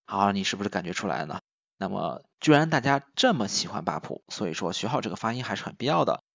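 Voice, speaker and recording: Guy teaching a lesson, very lively voice, drags out each example word slow, kinda muffled dry recording. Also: lowish voice, no echo. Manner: slow, drawn-out repetition of example words; lively, chatty teaching with rhetorical questions. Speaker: language teacher. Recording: dull, dry voice-over.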